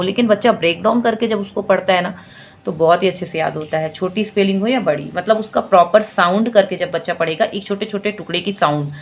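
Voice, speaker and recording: A woman explaining spelling to parents in a patient, instructive way. Her voice sits at an ordinary middle pitch. She stretches each syllable slowly and repeats words several times. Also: a little hiss or hum. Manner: slow, drawn-out syllable-by-syllable spelling. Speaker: teacher giving parenting tips.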